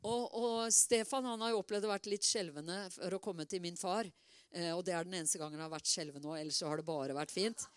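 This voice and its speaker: A middle-aged woman preaching a sermon in a lively, conversational way, with many asides and repeated words. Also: on the low side, smooth, dry recording.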